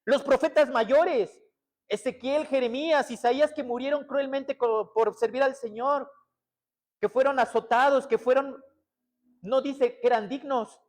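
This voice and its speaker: A man preaching a sermon as pastor. He puts questions to the congregation and moves between urgent, stressed passages and hushed, intimate ones. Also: very high voice, steady tone, measured pace. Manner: emphatic preaching with many rhetorical questions to the congregation.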